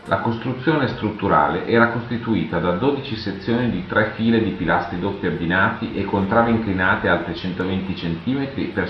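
Very low-voiced guy reading out engineering narration, roomy echo, kinda muffled lo-fi sound. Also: slight background noise. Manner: measured, matter-of-fact technical delivery. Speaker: documentary narrator. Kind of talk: scripted technical narration. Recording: echoey, dull lo-fi voice-over.

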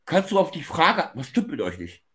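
A man's voice: fairly high pitch, wildly swooping pitch, moderate pace, sharp tone. A man hosting a stream, demanding answers in a heated, crude argument over a voice call. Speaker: stream host.

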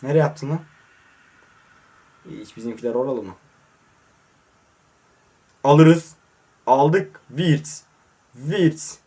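A young man commentating his own online football game, talking to the players on screen and swinging from low mutters to excited shouts. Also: takes it slowly, long pauses, husky.

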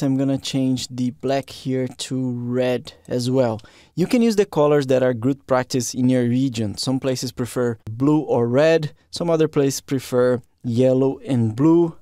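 Brief: male software instructor, mellow tone, steady walkthrough, dry close recording. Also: mid-range voice, dry recording. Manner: steady step-by-step explaining. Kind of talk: screen-recorded software tutorial.

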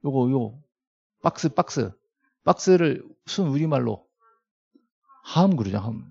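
A man's voice: mid-range voice, expressive, measured pace, gravelly, dark tone, husky. A middle-aged man lecturing a class on law, asking rhetorical questions and repeating key terms, with joking asides to his students. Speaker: law lecturer at a real estate agent exam prep academy. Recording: dull lo-fi lecture recording.

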